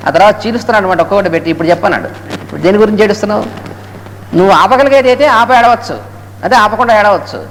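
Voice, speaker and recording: A man with a high voice rushes through a spiritual discourse, breaking off to chant Sanskrit verses slowly. His talk rings with the long reverb of a hall, and a faint hiss sits behind it. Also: a bit bright. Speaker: Gita lecturer. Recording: echoey hall with faint noise.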